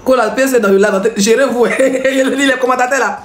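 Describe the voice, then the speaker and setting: A woman's voice: a little high, echoey room. A woman blogger, hosting a live stream and commenting in a mocking, laughing way. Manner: mocking, laughing, rapid back-and-forth with viewers.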